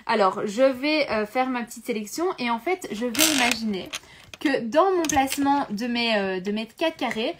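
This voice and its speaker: A high-voiced woman leads a live sewing tutorial from her home sewing room. She talks to her viewers in a chatty, hesitant way. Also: lively intonation, moderate pace, slight background noise. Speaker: sewing instructor hosting a live stream.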